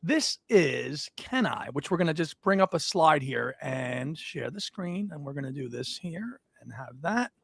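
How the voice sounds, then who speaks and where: A man's voice: on the high side, big pitch swings, measured pace, creaky, few pauses, husky, no echo. A man hosting a casual, chatty interview. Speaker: interview host.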